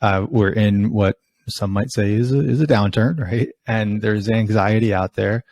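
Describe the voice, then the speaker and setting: A man's voice: fairly low pitch, fairly even intonation, unhurried, darkish tone, dry recording. A man hosting a podcast interview, asking questions eagerly and often restarting his words. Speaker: podcast host. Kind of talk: conversational interview.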